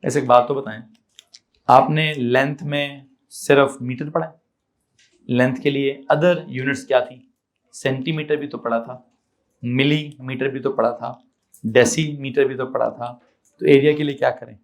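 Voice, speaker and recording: A man's voice: medium pitch, steady tone, unhurried. A man with a Pakistani accent teaching a physics class. He keeps asking his students questions, repeats their answers back, and mixes in English terms. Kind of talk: classroom lecture.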